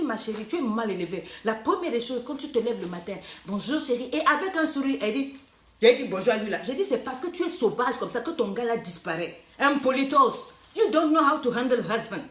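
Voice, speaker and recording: In an echoey room, a high-voiced woman coach gives lively, playful relationship advice with a teasing edge, slipping in English phrases now and then. Her delivery is sing-song and quick, with a fairly bright tone.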